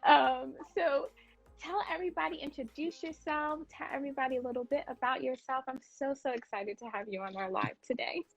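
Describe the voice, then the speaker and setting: A woman hosting a casual livestream interview, chatty and quick to laugh. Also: sits high, vocal fry, husky, soft background music. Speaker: host. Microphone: phone livestream. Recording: dull lo-fi livestream audio.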